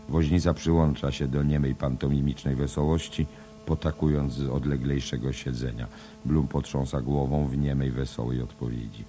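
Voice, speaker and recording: A man reading a novel written as a play, measured and even, reading the stage directions aloud. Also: rumbling low, slight background noise. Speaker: audiobook reader. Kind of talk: scripted narration of a play-like novel.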